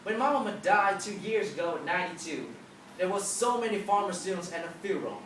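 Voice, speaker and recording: A woman's voice: fairly low pitch, expressive, fairly quick. A mature woman speaking as a teacher in a motivational talk, telling stories emphatically and acting out dialogue. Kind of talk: motivational talk to a live audience. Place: large auditorium with an audience. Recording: echoey hall, distant, noisy.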